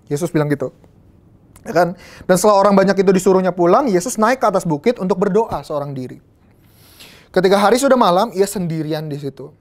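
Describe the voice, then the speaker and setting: A woman's voice: on the low side, animated, quick pace, darkish tone. A young adult woman from Indonesia, preaching a youth sermon in a casual, slangy way with English phrases mixed in.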